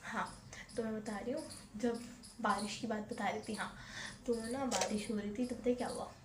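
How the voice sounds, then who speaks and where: A young woman, talking quietly at home as she rambles through a story for her vlog, often repeating herself. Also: medium pitch, fairly even intonation, normal speed. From Pakistan. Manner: speaking softly, hushed so as not to wake the household. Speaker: vlogger. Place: at home, indoors. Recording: echoey room, faint background noise.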